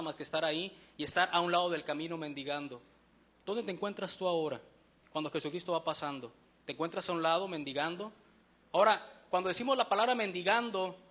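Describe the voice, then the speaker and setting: Bright high-voiced preacher man. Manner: earnest, questioning the congregation, slows down to read verses. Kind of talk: sermon.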